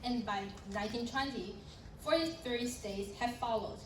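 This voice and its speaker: A woman's voice: fairly high pitch, moderate pace. Young woman, panel moderator, friendly with fillers; roomy, distant conference audio. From Taiwan. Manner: friendly, with light laughs and fillers. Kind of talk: panel introductions and presentation. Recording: roomy sound from a distant mic with background noise.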